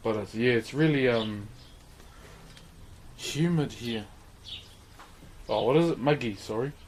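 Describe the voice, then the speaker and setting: A man's voice: mid-range voice, measured pace, a little mellow. A man with a broad New Zealand accent chatting casually on a livestream in a laid-back, matey, slangy way. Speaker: livestream host.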